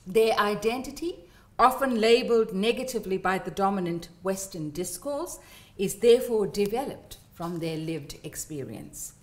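A woman's voice: mid-range voice, animated, normal speed. A woman lecturer giving an academic talk, explaining and listing terms. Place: large lecture theatre.

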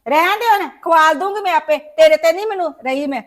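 A woman playing a scolding, sharp-tongued middle-aged mother-in-law in a family web drama, nagging and reproachful. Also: very high voice, fast talker.

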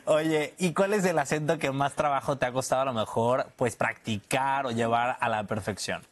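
A man's voice: medium pitch, normal speed. Man, TV news interviewer, evening news, prompting questions. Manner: prompting questions, brief acknowledgments.

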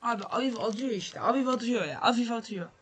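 A man's voice: very high-pitched, fairly quick, a bit bright, breathy edge. A man hosting a gaming channel, commenting on his football game as he plays, frustrated, swearing and repeating himself. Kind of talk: let's play commentary.

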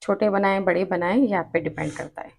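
A woman's voice: medium pitch, a little fast, creaky, a little mellow. Woman with a pakistani urdu accent walking through a recipe step by step, patient, says every tip twice. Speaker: cooking channel host. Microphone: off-camera voice over hands-only cooking shots.

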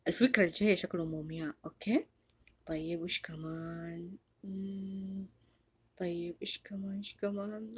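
A woman giving chatty, excitable game commentary to her viewers. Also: medium pitch, breathy edge. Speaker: gaming YouTuber.

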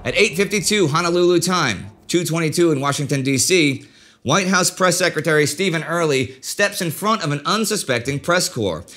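A man in his thirties hosting a history documentary, reading a script in a measured storytelling manner with direct asides. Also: on the high side, animated, bright, forceful tone. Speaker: host. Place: indoor studio set with a desk.

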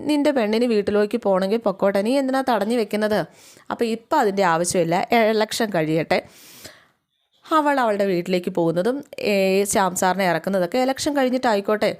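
A woman's voice: mid-range voice, fast, natural voice. A woman voicing a scheming older man who feigns kindness but scolds. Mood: falsely kind. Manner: falsely friendly, scolding.

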